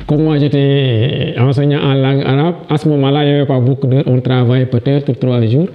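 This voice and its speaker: The recording is muffled, and this gravelly, middle-aged Senegalese man delivers in a flat, mid-range voice with a Senegalese French accent. Interviewed as a guest education official in an indoor office with a big window, wearing a lapel mic, he answers questions and shares anecdotes, restarting and repeating words but livening up in his stories.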